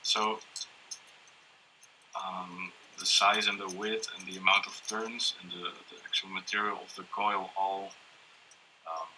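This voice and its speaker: A man explaining step by step how to prepare and solder a coil, talking hesitantly with many pauses and fillers. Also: low voice, level tone, pushed and bright, low-quality recording. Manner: hesitant, many ums and restarts, laughs often. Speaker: workshop presenter. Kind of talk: hands-on electronics demonstration. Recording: faint background noise and tool clicks.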